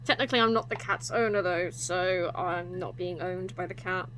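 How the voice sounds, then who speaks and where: A woman's voice: lowish voice, fairly even intonation, normal speed, a bit bright, a little hiss or hum. A young woman playing a game at her computer, chatting, swearing and cooing baby talk to her cat. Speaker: gaming streamer. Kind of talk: casual let's-play commentary.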